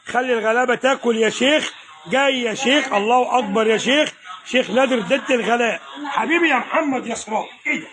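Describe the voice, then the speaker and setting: A man with an Egyptian accent selling fish in a market, calling out loud joking sales patter and laughing often. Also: extremely high pitch, fast talker. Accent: Egyptian Arabic. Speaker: fish seller. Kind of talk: lively market banter on a live stream. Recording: loud crowd and street noise.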